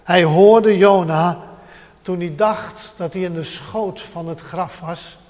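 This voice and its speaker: A man's voice: high-pitched, a little slow. A man preaching a sermon with emphasis, repeating short phrases as he builds up, speaking directly to his listeners. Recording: long hall reverb.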